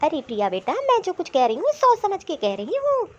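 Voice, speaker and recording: A woman's voice: very high-pitched, wildly swooping pitch, fairly quick, lo-fi sound, full character voice. A woman voicing a chatty, well-meaning middle-aged aunt in a cartoon, giving friendly advice. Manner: advising, friendly. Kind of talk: Hindi cartoon voice acting.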